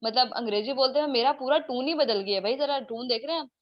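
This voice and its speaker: A woman's voice: sits high, fast talker, highs cut off. A woman from Pakistan with a Pakistani accent, teaching English in an informal online class and often putting questions to her students. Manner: chatty, asks the class questions.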